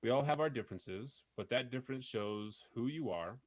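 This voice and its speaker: A man's voice: mid-range voice, moderate pace, no room sound. A man hosting a podcast, talking earnestly and rambling with many fillers in casual chat. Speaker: podcast host.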